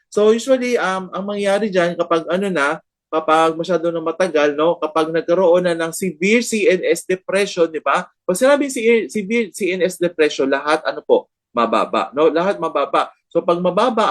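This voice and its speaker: A man with a Filipino accent giving a nursing board review lecture, checking in with "no?" and "di ba?" after nearly every point. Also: fairly high pitch. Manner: mixes English terms into Tagalog, tags lines with "no?" and "di ba?".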